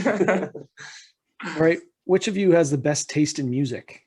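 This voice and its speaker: Podcast host guy, kinda husky and mellow, slightly higher voice, chatty. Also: expressive. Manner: chatty, quick to laugh. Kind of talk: casual interview questions.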